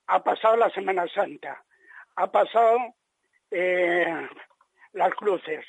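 A man calling in over the phone to a radio debate, making his points earnestly and deliberately, repeating them. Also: high-pitched, gravelly, husky, dry recording, low-quality recording. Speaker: radio caller. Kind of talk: call-in opinion on a radio debate.

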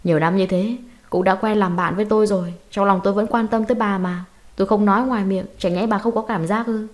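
A woman's voice: medium pitch, quick pace, a little mellow, natural voice. A woman reading as a grieving older father, pleading.

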